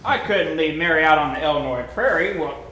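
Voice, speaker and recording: A stage actor playing a self-righteous, pompous 1840s slaveholder who lectures the audience in a live play. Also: male voice, a little high, animated, a little fast, sharp tone, a little hiss or hum. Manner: pompous, indignant, addresses the audience. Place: theatre stage. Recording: echoey stage recorded from far off.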